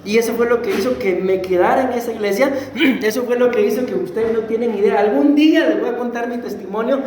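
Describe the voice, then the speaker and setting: A Costa Rican man preaching as a pastor, telling his own testimony in a conversational way, often clearing his throat and asking the congregation questions. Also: very high voice, fast, a little mellow, slight background noise. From Costa Rica. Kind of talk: sermon with personal testimony. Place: church sanctuary. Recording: echoey church room.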